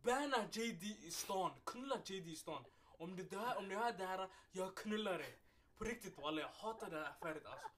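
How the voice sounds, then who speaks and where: A young man co-hosting a podcast, chatting casually and telling an animated story full of street slang and swearing. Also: high voice. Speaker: podcast co-host. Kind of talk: casual chat. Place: podcast recording room.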